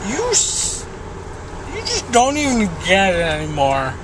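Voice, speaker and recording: A man's voice: sits high, huge pitch swings. A man who is groggy and loopy after wisdom teeth surgery, rambling in an indignant rant. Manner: rambling, slow, indignant mock-political ranting. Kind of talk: rambling casual monologue. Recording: noisy car interior, road noise.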